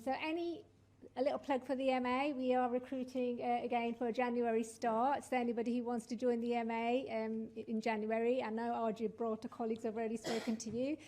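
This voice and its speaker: Addressing a conference audience informally and making sure they can hear, a female director of studies presents hesitantly, with frequent ums. Her voice is fairly high, steady and dark, and she speaks a little fast.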